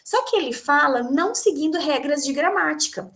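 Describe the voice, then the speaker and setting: Woman, high voice, Brazilian Portuguese accent, English teacher, class lecture, rhetorical questions. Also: expressive, normal speed, fairly bright tone. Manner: explains to students, asks them rhetorical questions.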